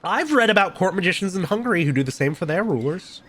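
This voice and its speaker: A nosy young artist presses with pointed questions, his voice lively, bright and edged, as a man reads his lines. A faint hiss sits under the recording. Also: high-pitched, quick pace. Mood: probing. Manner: pointed and probing.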